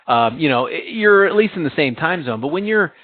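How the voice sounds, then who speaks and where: A man's voice: on the high side, animated, brisk, no room sound. A man from the United States co-hosting a casual podcast chat, rambling and poking fun at himself, laughing often. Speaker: podcast co-host. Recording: tinny phone-like sound.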